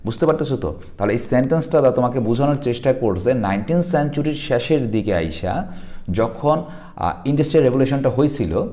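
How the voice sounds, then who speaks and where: A man with a mid-range, darkish voice teaches an English exam passage at a brisk clip with lively intonation. He keeps it chatty, full of fillers and frequent check-ins to make sure students are following.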